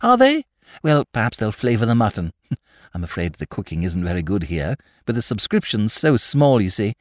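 A man voicing an eager, gushing young woman activist in a storybook reading, high and breathless. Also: big pitch swings, moderate pace, no room sound, clean studio sound.

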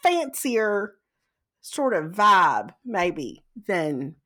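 A woman hosting a casual podcast chat, hedging her thoughts and laughing easily. Her pitch moves up and down a lot as she talks, around a middle register. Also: big pitch swings, drawn-out words, a bit bright. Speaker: podcast host.

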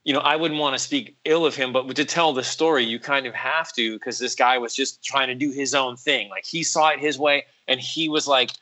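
A man with a bright, forceful voice tells a long story on a podcast, full of restarts and "you know"s. He jumps into lively raised voices when he quotes people. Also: mid-range voice, brisk, few pauses, poor audio. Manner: rambling with many fillers and restarts. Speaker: podcast guest, musician and voice actor. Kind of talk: casual storytelling chat.

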